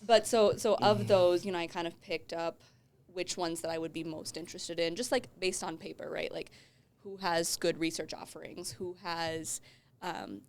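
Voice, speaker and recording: A woman in her twenties from Colorado talks through her thinking as a podcast guest, patient and reflective. Her voice sits a bit low for a woman. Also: vocal fry, a little mellow. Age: 20s. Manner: thoughtful, explains at length. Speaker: guest, medical student. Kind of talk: casual podcast interview.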